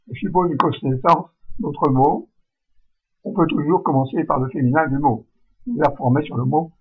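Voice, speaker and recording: A man giving a recorded spelling lesson, slowly modelling vowel sounds aloud. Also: on the high side, husky, narrow, tinny audio. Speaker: French spelling teacher.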